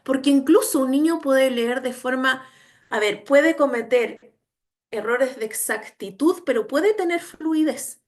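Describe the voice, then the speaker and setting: A woman's voice: high voice, measured pace. A woman giving an instructional lecture on educational assessment, emphatic and often checking that listeners follow. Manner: emphatic, checks understanding with frequent tag questions. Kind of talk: online training lecture.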